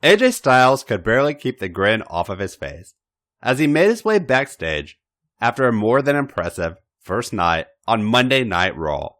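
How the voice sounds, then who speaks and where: With a medium-pitched, slightly bright voice, a podcast host reads a fan fiction story in an expressive, emphatic way. His pitch swings widely and he keeps a moderate pace.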